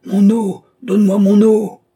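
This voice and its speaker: A man voicing a dying old alchemist who pleads, rages and screams in a hoarse, harsh voice. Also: unhurried, warm tone. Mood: screaming. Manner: shrill pleading cries turning to furious screams. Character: dying old male alchemist, raging and vengeful.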